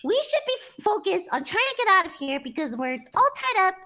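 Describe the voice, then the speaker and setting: A woman in a tabletop game urges her party to concentrate. Her voice sits high. She speaks with a pressing urgency. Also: very animated, brisk, bright, forceful tone. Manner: urgent, pushing the group to focus. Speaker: player. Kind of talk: tabletop game role-play.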